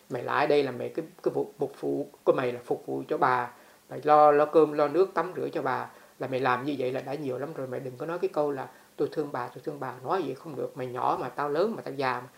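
A woman's voice: a bass voice, fairly even intonation, very fast, vocal fry. A woman voicing a stern, scolding old woman in a told story. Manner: blunt, scolding.

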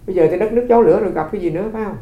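A Buddhist monk giving a dharma talk, telling stories and asking rhetorical questions. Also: male voice, high voice, rapid-fire. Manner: conversational storytelling with rhetorical questions. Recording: roomy, slightly dull recording.

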